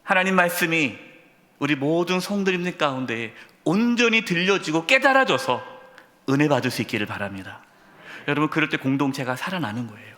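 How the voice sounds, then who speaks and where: A man's voice: a little high, fairly quick. A middle-aged male pastor preaching a sermon, telling stories and putting questions straight to his congregation. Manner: addresses congregation directly with questions; storytelling, animated emphasis. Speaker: senior pastor. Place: church sanctuary. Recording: long church hall reverb.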